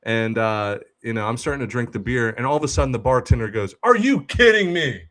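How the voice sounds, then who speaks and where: A man's voice: medium pitch, fast talker. A young man, host of a sports podcast, telling a funny story in casual chat and acting out the people in it. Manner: animated storyteller, acts out quoted voices.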